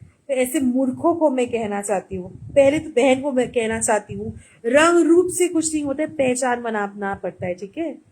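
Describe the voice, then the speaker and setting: A woman vlogger telling a sarcastic, animated story in a mocking monologue. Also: high voice, moderate pace, breathy edge, rough recording. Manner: animated, mixes Hindi and English, mocking.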